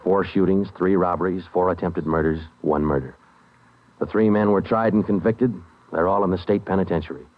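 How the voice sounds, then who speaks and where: An actor as a low-voiced, deadpan American radio detective. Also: male voice, normal speed, natural voice. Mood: businesslike, deadpan. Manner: clipped, matter-of-fact, deadpan. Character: stoic, businesslike male police detective narrating his case. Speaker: police detective and narrator. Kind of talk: 1950s radio crime drama acting and narration. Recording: muffled vintage radio recording with music.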